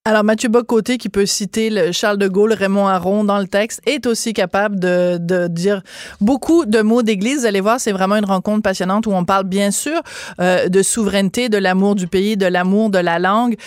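A woman with a Quebec French accent hosting a talk radio show, brisk and chatty. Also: medium pitch, no room sound, clean studio sound. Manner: brisk, chatty, quick laughs. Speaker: radio host.

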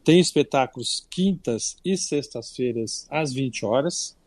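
A man's voice: mid-range voice, unhurried, no room sound. An older Brazilian man, a culture critic, talking casually on a radio segment with frequent restarts. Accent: Brazilian Portuguese. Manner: relaxed, chatty with frequent restarts.

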